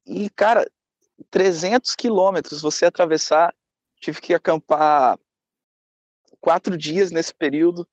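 A man's voice: fairly high pitch, measured pace, long pauses, no room sound. A young man telling a travel story in a casual, dramatic way, acting out scenes and dropping in conversational fillers.

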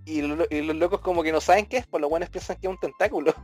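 Chilean guy co-hosting a podcast, slangy and animated, voice on the high side, faint music behind. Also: quick pace. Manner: animated storytelling full of slang, acting out scenes. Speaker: podcast co-host. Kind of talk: casual chat.

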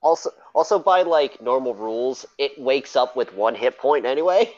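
A man's voice: mid-range voice, lively intonation, normal speed, darkish tone. A man playing a tabletop game, joking and playful. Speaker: player. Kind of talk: casual tabletop role-play. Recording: dry, muffled lo-fi mic.

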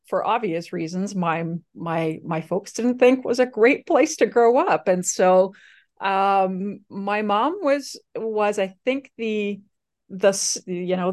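Speaking with a medium-pitched voice, a Slovak-native woman from Slovakia appears as an interview guest and relates her story casually, often restarting and using lots of fillers.

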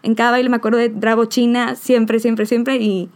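A woman's voice: a little high, flat delivery, moderate pace, darkish tone. A young woman hosting a podcast, talking heartfelt and rambling. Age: young adult. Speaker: podcast host. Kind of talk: emotional podcast chat.

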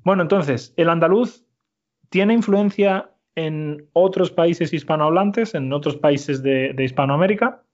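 A man's voice: on the high side, unhurried, highs cut off. A man teaching a Spanish lesson, explaining step by step and often checking in with his listeners. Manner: explanatory, frequent "¿vale?" checks. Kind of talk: language lesson.

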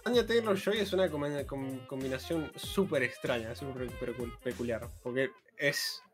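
A man's voice: mid-range voice, moderate pace, music in the background. A young man with an Argentine accent, chatting casually and slangily with friends, often restarting his sentences. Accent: Rioplatense Argentine Spanish. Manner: slangy, restarts often, says boludo a lot. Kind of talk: casual chat.

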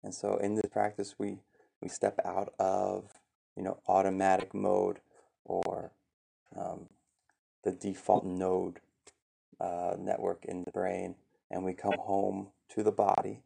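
A man leading a meditation session in a calm, gentle teaching voice with some fillers. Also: low voice, slow, creaky, husky. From USA. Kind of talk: calm guided meditation talk.

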